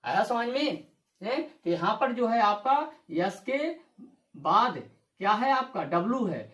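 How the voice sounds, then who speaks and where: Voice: medium pitch, expressive, a little slow, a bit bright. An English teacher giving a video lesson, repeating each rule and asking the viewer rhetorical questions before answering them. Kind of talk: classroom-style video lesson. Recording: echoey room.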